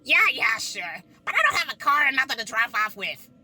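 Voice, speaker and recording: A woman's voice: on the high side, very animated, a little fast, pushed and bright, husky, full character voice. A woman doing a flippant slangy young adventurer. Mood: offhand. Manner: casual, slangy, wisecracking.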